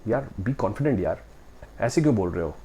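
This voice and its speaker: A man's voice: fairly low pitch, animated, moderate pace, dark tone. A man giving a motivational talk, speaking directly and conversationally to the viewer and asking rhetorical questions.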